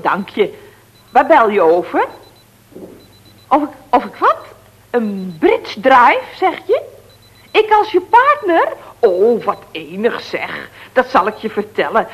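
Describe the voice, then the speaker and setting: An actress playing a chatty, scatterbrained woman who rambles excitably on the phone in a 1960s radio comedy. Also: fairly high pitch, breathy edge, heavily acted, poor audio. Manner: rambling, excitable, full of little tag questions.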